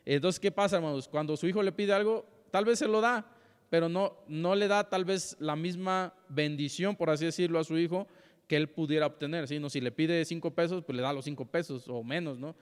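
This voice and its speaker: A young man with a fairly high, clear, resonant voice speaks briskly while teaching a church Bible class. He keeps it conversational, often asks "¿sí?" to check in, and addresses his listeners as "hermanos," all under long hall reverb.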